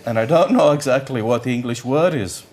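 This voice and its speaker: Speaking a little fast in a medium-pitched, slightly mellow voice, an older man lectures at a conference. He is a professor with Yiddish as his first language, and his conversational, blunt delivery includes frequent searches for words and repetitions.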